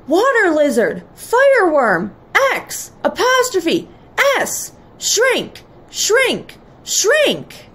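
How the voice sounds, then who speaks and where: A woman's voice: fairly high pitch, slow, heavily acted. A woman reading aloud, voicing a clever, cheerful boy who shows visitors around his house. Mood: excited. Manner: excited, proclaiming.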